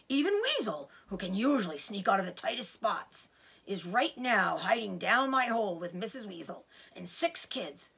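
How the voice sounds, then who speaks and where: Woman acting an excitable, worried storybook badger. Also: medium pitch, creaky, breathy edge, full character voice. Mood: despairing. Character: excitable, desperate male badger, worn out and gruff. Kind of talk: children's storybook character voice.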